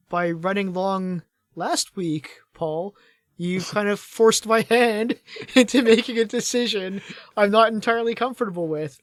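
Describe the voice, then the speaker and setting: Recorded at studio quality with no room sound, this podcast co-host has a voice that sits high. He rambles and laughs his way through casual gaming talk, though hours of chatting have left his voice worn and fading.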